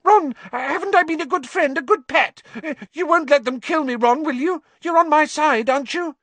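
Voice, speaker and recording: A man voicing a terrified, groveling male traitor who squeaks and begs in a shrill voice for an audiobook. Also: normal speed, fairly bright tone, no echo. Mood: pleading. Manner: groveling, begging. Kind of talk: audiobook character voice.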